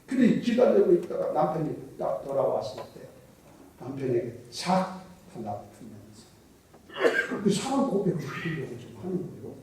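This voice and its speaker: A man's voice: a little high, very animated, normal speed, mellow, a little hiss or hum. A middle-aged male pastor preaching a sermon, telling folksy stories with jokes and dialect impressions. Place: church sanctuary. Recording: distant mic in an echoey church hall.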